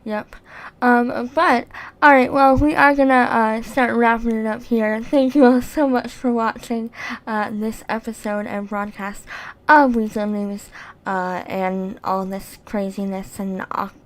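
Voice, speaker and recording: A woman's voice: on the high side, steady tone. A woman co-hosting a live-streamed news show, talking casually with lots of fillers and easy laughter. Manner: halting, full of fillers, laughs easily.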